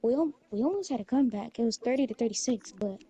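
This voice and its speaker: A woman chatting excitedly while playing a football video game, slangy and boastful about her plays. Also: a little high, fast talker, slightly rough. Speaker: gamer. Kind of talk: casual gaming chat.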